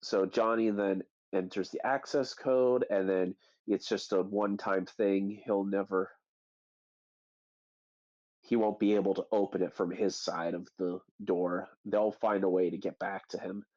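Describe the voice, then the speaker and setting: A man chatting casually as he retells a story, his lowish voice jumping up whenever he acts out a line. The audio is dull and lo-fi, as if from an online call. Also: measured pace. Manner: animated recapping, acts out quoted lines in big high bursts. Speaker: book club host. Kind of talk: casual chat.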